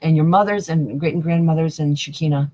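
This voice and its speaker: A woman's voice: low-pitched, fairly quick, dark tone, muffled recording. A woman hosting an online devotional broadcast, listing names in a rambling, sing-song way. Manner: lists names in long chants, sing-song repetition. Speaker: host of a spiritual online broadcast. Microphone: online hangout broadcast.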